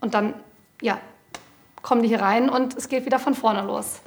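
A woman's voice: a little high, fairly even intonation, normal speed, slight background noise. A woman teacher answering interview questions casually, with fillers.

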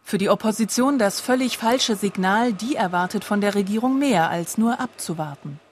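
A woman reading a scripted television news report in an even, crisp manner. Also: mid-range voice, moderate pace, a little hiss or hum.

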